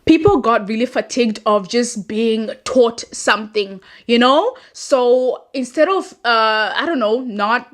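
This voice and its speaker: A young woman whose first language isn't English hosts a rambling, chatty commentary monologue, laughing at her own points. Her voice is fairly high and expressive, a little slow, with hardly any pauses.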